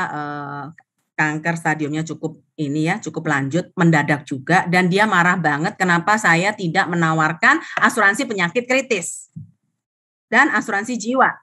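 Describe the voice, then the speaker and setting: A middle-aged woman from Indonesia, an insurance agent telling her experiences in a lively motivational talk that mixes in English phrases. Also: fairly low pitch. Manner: animated, acts out quoted dialogue, drops in English phrases. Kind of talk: motivational storytelling on a live stream.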